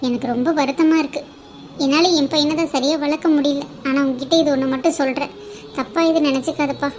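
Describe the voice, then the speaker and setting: A woman's voice: sits high, steady tone, quick pace, darkish tone, a little hiss or hum, natural voice. A woman voicing a grieving, apologetic mother-in-law in a cartoon drama, speaking in a pleading way. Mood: sorrowful. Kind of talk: cartoon voice acting.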